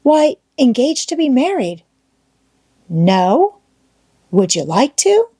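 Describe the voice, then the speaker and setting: For an audiobook, a woman voices an eager, boastful schoolboy in love, pitching up above her own voice into a full character performance. The delivery is high, sing-song and slow, warm and slightly rough, coaxing and wheedling with folksy, old-fashioned rural American wording.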